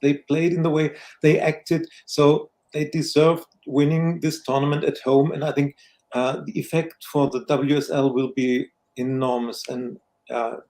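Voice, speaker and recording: A man from Germany with a German accent, a guest pundit talking casually and haltingly about football. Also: a little high, flat delivery, a little mellow, low-quality recording.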